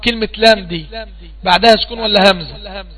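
High-pitched Egyptian man teaching tajweed. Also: a bit bright, low-quality recording. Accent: Egyptian Arabic. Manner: patient questioning, repeats points slowly. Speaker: Quran recitation teacher. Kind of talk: online tajweed lesson.

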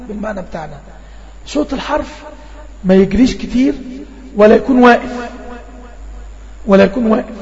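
A man with an Egyptian accent teaching Quran recitation in an online lesson, voice a little strained, drawing out sample words slowly and checking in often with his class. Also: high voice, darkish tone. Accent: Egyptian Arabic. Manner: slow drawn-out demonstrations of recited words. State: voice a bit strained. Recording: dull lo-fi audio with long reverb.

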